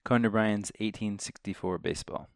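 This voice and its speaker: Low-voiced relaxed podcast host. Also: male voice, fairly quick, gravelly, a little hiss or hum. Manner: relaxed, hesitant with frequent "uh"s. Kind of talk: casual podcast chat.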